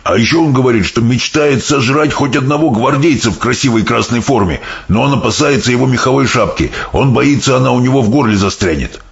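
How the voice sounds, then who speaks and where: A man voicing a big, gentle giant who mangles his words into odd coinages, in a storybook reading. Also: mid-range voice, fairly quick, creaky, few pauses, natural voice. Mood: grumbling. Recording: dull audiobook sound, faint music.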